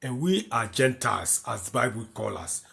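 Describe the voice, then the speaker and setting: A gravelly, fairly bright voice at a medium pitch swings widely up and down at a normal speed. It belongs to a West African man giving slow, repetitive Bible commentary, reading verses aloud, then explaining them and repeating key lines.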